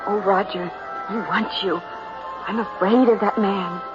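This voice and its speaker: An actress playing an anxious, protective young newlywed wife, pleading in an old radio drama. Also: female voice, mid-range voice, steady tone, a little slow, close to an everyday voice. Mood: fearful. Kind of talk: 1960s radio drama acting. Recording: muffled vintage radio, music behind.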